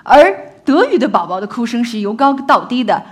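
A woman scientist giving a public talk on infant language learning in a lively, engaging way, often putting questions to the audience. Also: fairly high pitch, normal speed.

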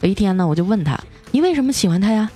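A woman hosts a comedy podcast, reading listener jokes with playful teasing and doing voices for the characters. Her medium-pitched voice is animated and racing, with a dark tone, and faint music plays behind her. She pokes fun at herself, laughs often, and shifts voices to act out anyone she quotes.

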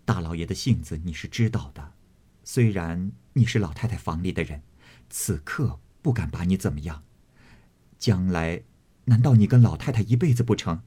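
A man reading the part of a calm, worldly young maidservant who speaks softly and warns. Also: deep voice, husky, heavily acted. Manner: soft, cautioning.

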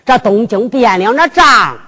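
A woman voicing a scheming old father who speaks slowly and deliberately, with a Henan accent, in a drum-ballad storytelling. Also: expressive, sharp tone, exaggerated voice. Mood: scheming, instructing. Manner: drawn-out, deep, deliberate elder's speech. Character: slow-spoken old father, scheming, low-voiced. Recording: long hall reverb with music.

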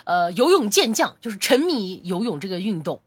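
A woman co-hosting a podcast, chatting casually, reacting quickly and laughing easily. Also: medium pitch, sing-song, breathy edge, no echo, clean studio sound. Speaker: podcast co-host. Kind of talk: casual chat.

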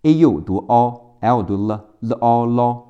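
A man teaching English vocabulary in a phonics lesson, spelling each word letter by letter and repeating it slowly. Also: medium pitch, lively intonation, clean tone, lo-fi sound.

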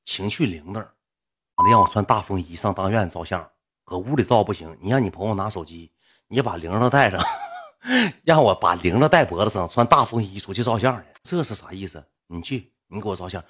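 A man's voice: lowish voice, animated, fairly quick, a bit bright, breathy edge. A young man with a Northeastern Chinese accent, a livestreamer telling a story in a rambling, coarse, blunt way. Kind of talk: casual storytelling.

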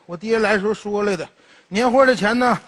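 An actor playing a stingy, loud-mouthed rural cousin visiting the city, teasing and quick-witted in a Northeast Chinese accent. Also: male voice, high voice, in a large hall. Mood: bantering. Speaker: comedy sketch performer. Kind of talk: comedy sketch dialogue.

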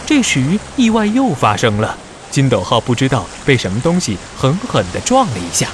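A man narrating a scripted children's story in a dramatic, expressive way. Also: mid-range voice, normal speed, a little hiss or hum.

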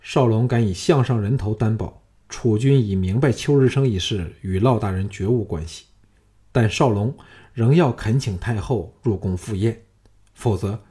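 A man's voice: lowish voice, dark tone, lightly acted. A man voicing a composed, persuasive young general in an audiobook. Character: calm, confident young male general.

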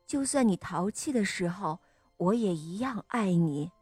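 A woman voicing a grown male monkey, a patient parent, speaking softly and soothingly in a children's story. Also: mid-range voice, expressive, measured pace, breathy edge, dry recording, faint music behind. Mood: gentle. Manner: soft, soothing, reassuring.

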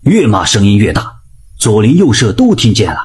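Lively male folk-tale storyteller. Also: on the low side, normal speed, breathy edge. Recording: music bed behind voice.

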